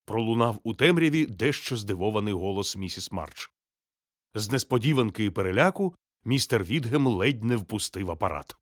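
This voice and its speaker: Low-voiced man reading a storybook. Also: no room sound, studio quality. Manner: steady, measured, gently expressive reading. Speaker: narrator. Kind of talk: scripted storybook narration.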